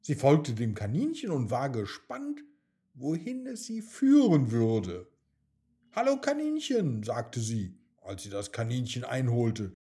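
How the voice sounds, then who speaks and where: Slow, lively male storyteller. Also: mid-range voice. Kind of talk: children's story narration. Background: soft background music.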